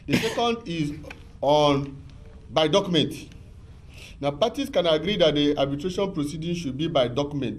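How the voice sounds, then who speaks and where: Lecturing man, slightly high voice. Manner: patient, repetitive, lecturing with many fillers. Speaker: legal expert guest. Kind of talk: explanatory TV talk on law.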